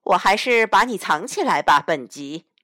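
A woman's voice: medium pitch, animated, normal speed. A woman putting on a fussy, doting dog owner. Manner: flustered, loud exclamations.

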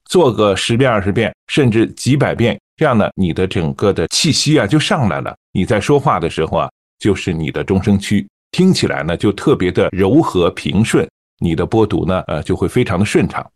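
Calm male reading coach, dry studio voice. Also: deep voice, no room sound. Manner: calm, measured explaining with light fillers. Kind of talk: teaching on-air reading technique.

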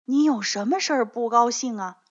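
A woman voicing a kindly old male immortal in a children's story, speaking slowly and soothingly. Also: fairly high pitch, close to an everyday voice. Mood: gentle, coaxing. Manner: slow, soothing, drawn-out words. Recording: dull lo-fi recording.

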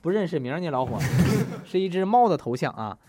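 Host type: jokey man, very animated pitch, chatty. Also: fast talker, soft background music. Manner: jokey, laughs often. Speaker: host reading listener messages. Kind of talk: casual chat.

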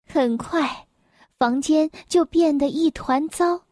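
A woman reading a children's picture book aloud, gentle, clear and expressive. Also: high voice, slow, dry recording, studio quality. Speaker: storyteller.

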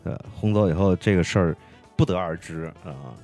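A low-voiced man trades loose, slangy jokes as a podcast co-host. His voice sits very deep. Faint music runs in the background. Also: normal speed, dark tone. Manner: loose, slangy, joking banter. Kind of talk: casual chat.

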